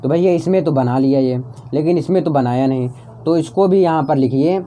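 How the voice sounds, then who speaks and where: A man's voice: on the high side, fairly quick, warm tone. A man teaching a maths lesson as a tutorial, coaxing students along, repeating each step and asking rhetorical questions that he answers himself. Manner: coaxing, repeats steps to drive them home. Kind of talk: chalk-and-talk tutorial explanation.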